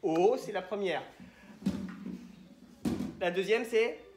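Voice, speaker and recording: A man's voice: high-pitched, slow pace, background noise. A patient male schoolteacher leads a phonics lesson and stretches each syllable so young children can follow. His voice bounces around an echoey classroom. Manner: patient, sounds words out syllable by syllable. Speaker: primary school teacher. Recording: echoey room.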